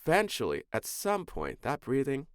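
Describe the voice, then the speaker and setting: A man with a mid-range voice whose pitch swings widely as he spins a story with gleeful deadpan. He co-hosts a casual podcast. The recording is close and dry, with no room sound. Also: normal speed, clean tone, dry recording. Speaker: podcast co-host. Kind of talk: casual chat.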